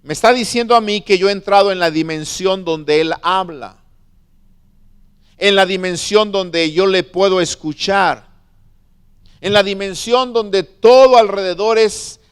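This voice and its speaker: A man preaching a sermon as a pastor, stressing words slowly and asking his listeners questions. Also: high-pitched, clean tone. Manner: preaching with slow emphatic stresses and questions to the flock.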